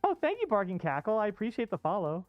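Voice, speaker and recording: A fast-talking livestream host with a medium pitch and huge pitch swings rambles informally, voice muffled and dull as though covered by a fursuit costume head indoors. The dry recording comes from an off-costume streaming microphone, with faint music behind.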